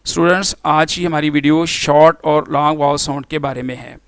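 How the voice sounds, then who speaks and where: A man teaching an English phonics lesson to students, spelling words out letter by letter and then pronouncing them slowly and formally. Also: fairly high pitch, fairly even intonation, clean tone, no room sound. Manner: formal, addresses students directly.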